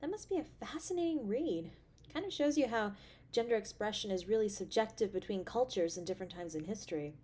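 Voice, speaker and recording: She's cast as a tender, playful girlfriend full of affection and care, performing expressively in an intimate audio drama. The mood is sympathetic and chatty, her natural medium-pitched voice moving a little fast.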